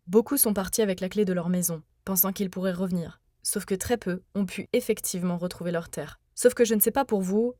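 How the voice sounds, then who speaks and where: A woman's voice: medium pitch, a little mellow, no echo. Woman narrating a personal podcast, dry sound. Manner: earnest, measured, personal. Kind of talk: scripted first-person narration.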